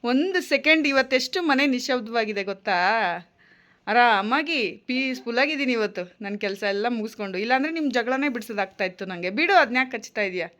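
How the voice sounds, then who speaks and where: A young adult woman in a casual home vlog, talking in a gentle, coaxing and reassuring way as a mother soothing her child. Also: fairly high pitch, lively intonation, brisk.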